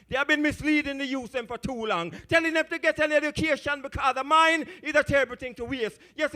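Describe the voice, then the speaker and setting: A man's voice: high voice, pushed and bright. A man from Jamaica with a Jamaican accent, performing dub poetry live with rhythmic, half-sung, fiery chanting. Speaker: dub poet.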